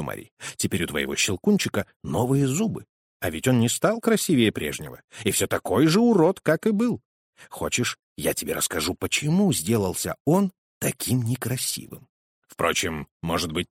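A man voicing a gruff, teasing old male godfather in a storybook, speaking low and mock-grumbling. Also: dry recording, studio quality, heavily acted.

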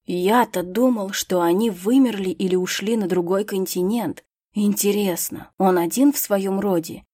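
A woman voicing a composed, curious male mage with measured, formal speech in an audiobook. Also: medium pitch, warm tone, no echo, lightly acted.

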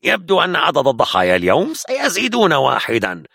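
A man's voice: fairly high pitch, huge pitch swings, fast talker, creaky, slightly rough, dry recording, voice pushed up, full character voice. A harsh, angry soldier, voiced by a male storyteller, barks out short demands in a raised, strained voice. The recording is dry and close. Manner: shouting, harsh.

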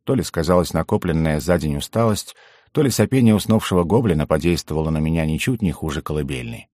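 A man reading an audiobook in calm, even storytelling narration. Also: a bass voice, quick pace, no echo, clean studio sound. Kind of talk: scripted narration.

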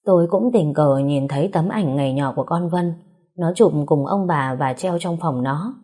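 Lady putting on a sobbing older mom, choked up, mellow low voice, story reading. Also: moderate pace. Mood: earnest. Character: older birth mother, weeping and remorseful.

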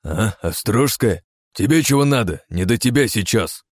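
A man voicing a furious, greedy aristocrat who shouts and snarls. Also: on the low side, lively intonation, moderate pace, dry recording, voice pushed up. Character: furious greedy middle-aged male aristocrat.

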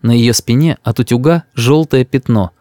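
A man narrating a humorous story aloud in a wry, expressive way. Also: medium pitch, moderate pace, no room sound, studio quality. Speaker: audiobook reader.

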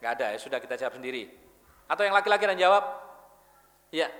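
High-voiced preacher in a mosque. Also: male voice, lively intonation, fast, fairly bright tone. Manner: storytelling, questions the audience. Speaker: Islamic preacher. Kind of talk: religious lecture. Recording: long reverb of a mosque hall.

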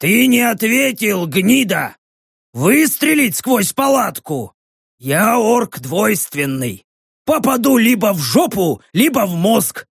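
A woman's voice: mid-range voice, very animated, slow pace, creaky, slightly rough, no room sound, clean studio sound, pitched above the performer's own voice, heavily acted. A woman reading an audiobook, voicing a crude, foul-mouthed male orc fighter. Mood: crude threat.

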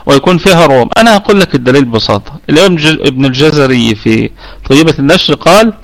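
Speaking very fast with lively intonation and a fairly high pitch, this middle-aged man teaches tajweed live online. His Egyptian Arabic accent comes through as he patiently explains, frequently fixing his wording mid-sentence.

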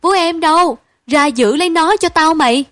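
A woman voicing a fretful, doting mother who pleads and wails loudly, in a storybook reading. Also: a little high, lively intonation, moderate pace, no echo, natural voice. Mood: scolding. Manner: wailing, pleading, loud.

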